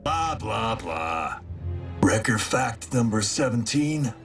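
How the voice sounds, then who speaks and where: Wheeljack, cocky slow-drawling robot warrior. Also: male voice, lowish voice, sing-song, exaggerated voice. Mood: wry. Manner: wry, swaggering, laconic. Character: cocky battle-hardened male alien robot warrior, brash and wisecracking. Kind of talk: animated action series voice acting. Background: music.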